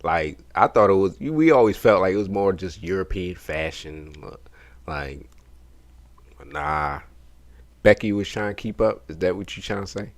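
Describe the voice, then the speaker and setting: A man's voice: low voice, lively intonation, unhurried. A man reacting to a video in casual commentary, joking, swearing and laughing often. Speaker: reaction streamer.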